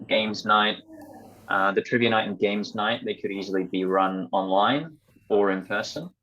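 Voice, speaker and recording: A man's voice: sits low, a bit bright, breathy edge. A young man talking casually in a student society meeting over an online call with dull, lo-fi sound. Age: young adult.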